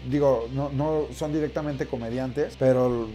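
A man's voice: on the high side, brisk, a little mellow, faint music behind. A man with a Mexican accent telling casual anecdotes as a comedian vlogger, slangy and playful, acting out the people he talks about. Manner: slang-heavy, playful, acts out other people mid-story. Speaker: comedian and YouTuber.

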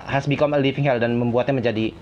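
Halting man reading game dialogue, muffled. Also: mid-range voice, steady tone, a little hiss or hum. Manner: halting, self-correcting delivery. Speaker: gameplay video host. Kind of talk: casual live translation and reading of game dialogue. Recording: dull lo-fi sound, music behind.

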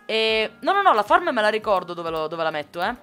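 A woman from Sicily streams a survival game, talking casually and joking with her viewers as she reacts to their comments. Her voice sits at an ordinary middle pitch. Faint background music plays under her talk. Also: very animated, brisk, bright, forceful tone. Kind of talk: casual live gameplay chat.

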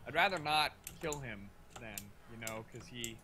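A man chatting casually while playing a game, cracking jokes and firing off quick questions. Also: mid-range voice, expressive, bright, forceful tone. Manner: joking, quick-fire questions. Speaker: game player. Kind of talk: casual gaming chat.

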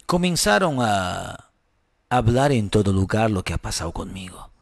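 A man's voice: fairly low pitch, sing-song, normal speed, creaky, no room sound. A man telling a dramatized first-person story in a mournful, repetitive way.

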